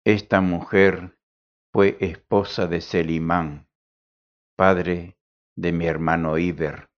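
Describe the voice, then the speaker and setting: A man voicing a gentle, compassionate young woman who speaks softly and formally. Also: deep voice, little pitch movement, takes it slowly. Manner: soft, pleading formal speech. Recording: dull lo-fi recording.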